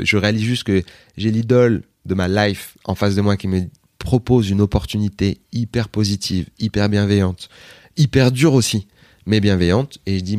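A man's voice: lowish voice, dry recording, studio quality. Chatty French-speaking man telling a story. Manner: chatty, digressive, animated retelling with quoted voices. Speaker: guest comedian. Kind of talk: casual interview storytelling.

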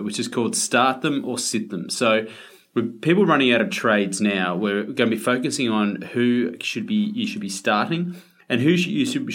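An Australian man hosts a sports podcast in a fairly low voice. His delivery is casual and conversational, like someone running through an agenda with a mate. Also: a bit bright. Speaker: podcast host.

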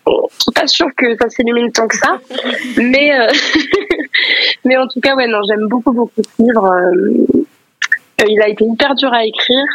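Hesitant woman author, slightly high voice. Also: fairly bright tone, no echo, low-quality recording. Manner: hesitant, stammering, modest. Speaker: guest author. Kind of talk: interview answers.

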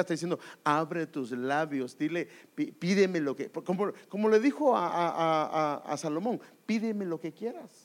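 A man preaching a sermon, emphatic and repetitive, often asking the congregation questions. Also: a little high.

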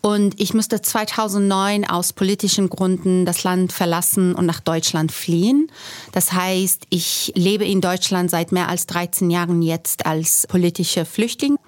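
A woman's voice: fairly low pitch, fairly even intonation, unhurried. A woman from Iran who speaks German, a guest in a podcast interview, explaining earnestly and making small grammar slips. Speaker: guest, university staff.

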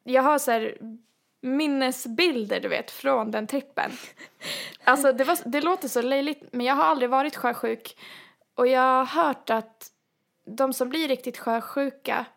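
A woman telling a story in casual chat, animated and full of fillers, acting out quoted lines. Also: high-pitched, vocal fry.

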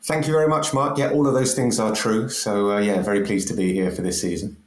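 A man's voice: fairly low pitch, fairly even intonation, brisk. London man with a roomy echo. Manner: hesitant, many fillers. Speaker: podcast co-host. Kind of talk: casual chat.

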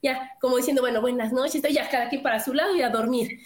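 A middle-aged woman with a Mexican accent, co-hosting a casual chat, talking in a lively way with many rhetorical questions. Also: sits high, fast talker. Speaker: co-host. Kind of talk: casual chat reading viewer comments.

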